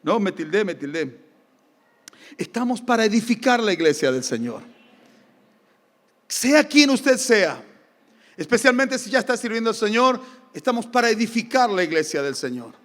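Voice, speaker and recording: A man with an Argentine accent preaches with lively emphasis, his voice pitched notably high. He moves between firm exhortation and humorous anecdote. The recording carries the long reverb of a church hall. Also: normal speed, pauses often. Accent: Argentine Spanish. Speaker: pastor. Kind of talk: sermon.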